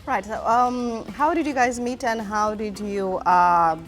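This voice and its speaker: A woman's voice: a little high, measured pace, faint music behind. A woman presenting a TV show, interviewing guests and reading from her notes. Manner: inquisitive, reads prepared notes. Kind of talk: studio interview.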